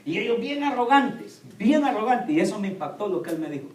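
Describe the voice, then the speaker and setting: A man's voice: high-pitched, fairly quick. A man, a pastor, preaching a sermon and telling stories about his children, acting out their words. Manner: storytelling, quotes his children in a lively voice. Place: church hall. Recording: echoey church hall from far off.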